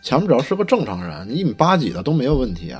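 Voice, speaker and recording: Beijing dude chatting fast, voice goes up and down a lot, bit sweary, telling stories. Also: male voice, mid-range voice, husky. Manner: animated, colloquial, lightly profane. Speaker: podcast co-host. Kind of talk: casual chat, telling anecdotes.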